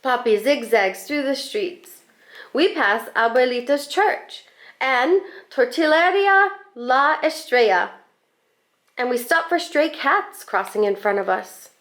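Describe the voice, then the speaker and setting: With a voice that sits high, a woman from the school staff reads a picture book aloud for children, lingering deliberately over the story and giving it plenty of expression.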